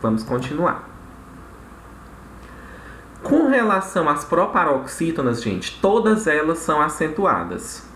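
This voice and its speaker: A man's voice: fairly high pitch, very animated, unhurried, pauses often, sharp tone. A man teaching a recorded grammar lesson, explaining step by step and checking in with frequent tag questions. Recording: echoey room with faint noise.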